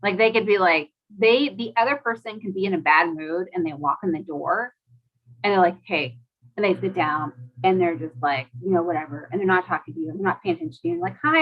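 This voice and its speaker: A woman's voice: on the low side, lively intonation, fairly quick, husky, lo-fi sound. A woman, a mother, talking casually to a live audience, chatty and full of "like"s, asking them questions. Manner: chatty, many "like"s, asks the audience questions, laughs often. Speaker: host of a live talk.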